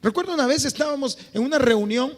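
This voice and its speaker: Pastor, impassioned sermon, high and very lively voice, church hall reverb. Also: male voice, a little fast. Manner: impassioned preaching, swinging between loud exhortation and quiet phrases.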